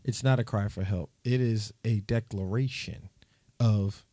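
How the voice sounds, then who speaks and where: A man's voice: on the low side, unhurried, dark tone, no room sound. Emphatic American man, dry sound. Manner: emphatic, repeats phrases for stress. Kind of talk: casual panel discussion.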